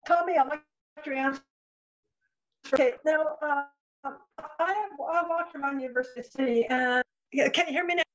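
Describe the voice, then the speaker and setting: A high-voiced woman joins a forum remotely from her smartphone, and her audio keeps glitching and cutting in and out. The sound is muffled and lo-fi. She talks haltingly, starting over and filling gaps with ums. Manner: halting, full of fillers and restarts. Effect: choppy breaking-up audio that cuts in and out. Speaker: council candidate at a forum. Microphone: smartphone, joining remotely.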